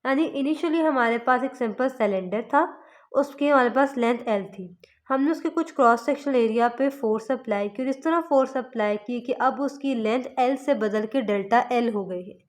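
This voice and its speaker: A woman physics teacher from Pakistan giving a lecture, explaining step by step and slowing down to spell out formulas. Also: a little high. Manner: explains step by step, mixing English terms into Urdu.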